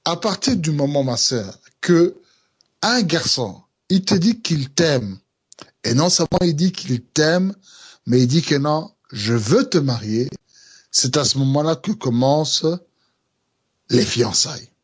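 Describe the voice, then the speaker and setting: A man's voice: fairly high pitch, expressive, measured pace, husky. A Congolese man with a Congolese French accent, a pastor giving earnest teaching on engagement, hesitating often with fillers and restarts.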